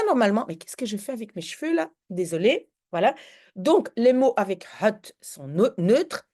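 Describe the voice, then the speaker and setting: A woman's voice: mid-range voice, darkish tone. A woman giving an informal video lesson on Dutch grammar, explaining step by step and checking in with the viewer. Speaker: Dutch language tutor.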